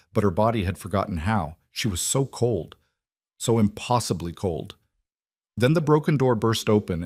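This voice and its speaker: A man with a low voice reads a western romance aloud, measured and dramatic. The recording is close and dry, with no room sound. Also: a little mellow, dry recording. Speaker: narrator. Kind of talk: scripted story narration.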